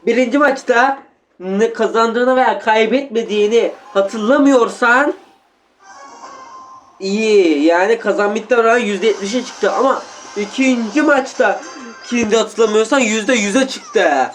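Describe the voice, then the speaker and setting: A man with a sore throat giving excited gameplay commentary at home, exclaiming and talking straight to his viewers. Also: sits high, measured pace, faint music behind. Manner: animated, exclaiming, keeps addressing viewers as friends. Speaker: gaming YouTuber.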